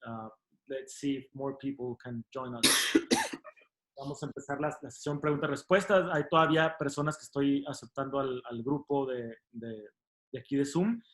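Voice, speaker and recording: A man hosting a Q&A session over a video call, switching between English and Spanish in a halting way. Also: medium pitch, roomy sound, poor audio. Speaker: host.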